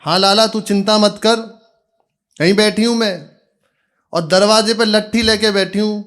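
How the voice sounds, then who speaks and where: Guy doing a stubborn deaf old braj granny, high and slow, mishears everything. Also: steady tone, fairly bright tone. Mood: scolding mishearing. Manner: rustic dialect, mishears and bickers. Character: old half-deaf village mother, stubborn and proud.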